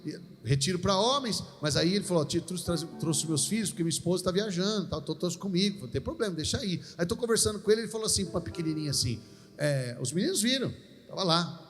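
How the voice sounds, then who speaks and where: Lively preacher, high-pitched man. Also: quick pace, long reverb tail, faint music behind. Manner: animated storytelling, acts out dialogue. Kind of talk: lively sermon.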